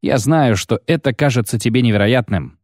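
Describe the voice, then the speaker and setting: Man reading a calm steadfast young knight. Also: medium pitch, dry recording, clean studio sound, lightly acted. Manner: calm, measured.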